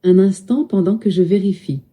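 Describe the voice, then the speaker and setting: A female text-to-speech voice of a smart speaker, answering politely in even, announcer-like phrasing from a loudspeaker. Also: mid-range voice, moderate pace, husky, narrow, tinny audio. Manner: polite, evenly paced, announcer-like. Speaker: voice assistant. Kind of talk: synthetic assistant replies.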